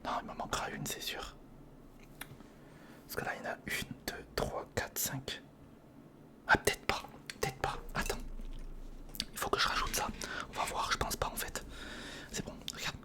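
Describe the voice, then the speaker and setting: A man's breathy whisper carries loose ASMR commentary while he builds, muttering as much to himself as to the audience. He speaks at normal speed with long pauses between phrases.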